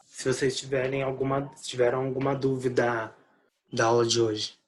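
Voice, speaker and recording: A man with a Brazilian Portuguese accent teaching a math class online, explaining slowly and relaxed while his video call audio keeps cutting out. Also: mid-range voice. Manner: relaxed, explains slowly, often says "daí". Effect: choppy, cutting-out video call audio.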